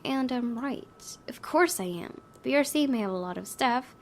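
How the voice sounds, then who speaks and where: Reading a visual novel aloud, a woman who hosts gaming videos narrates a let's play expressively at a moderate pace, animated and tossing in casual, offhand asides. Faint low rumbling noise sits in the background.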